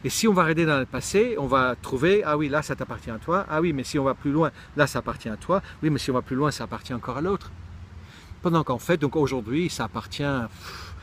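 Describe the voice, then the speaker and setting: A middle-aged man from Israel sounds animated and brisk, his mid-range voice fairly bright, as he shares personal reflections. Still thoughtful, he searches for words and restarts sentences, with a little hiss or hum in the background.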